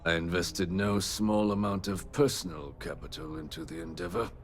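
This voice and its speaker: An actor playing a cold, smug trade company manager in a video game, delivering measured villain-like monologue in formal tones. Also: male voice, low-pitched, lively intonation, creaky, faint music behind. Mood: cold, dismissive.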